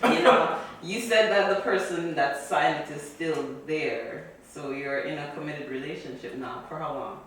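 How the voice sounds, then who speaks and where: A woman's voice: sits low, normal speed, slight background noise. A woman hosting a talk show, asking teasing questions and laughing. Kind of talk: casual chat. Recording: echoey room, distant mic.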